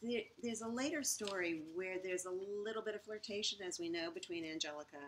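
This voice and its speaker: A woman's voice: medium pitch, brisk, a little hiss or hum. A woman guest author telling amused stories about historical letters in a casual chat. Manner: storytelling, amused, chatty.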